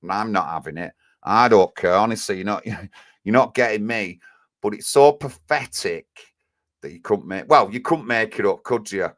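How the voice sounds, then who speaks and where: A man with a broad Oldham accent, talking low-pitched and blunt as he hosts a live stream. He rambles and circles back in casual chat, with an indignant, not-having-it edge. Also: animated, normal speed, a bit bright. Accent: Oldham, Northern English. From Oldham, England.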